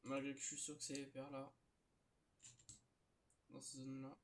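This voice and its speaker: Chatting casually over gameplay, this male host hesitates often, leans on filler sounds, and breaks into occasional excited outbursts. He speaks at a medium pitch and a moderate pace.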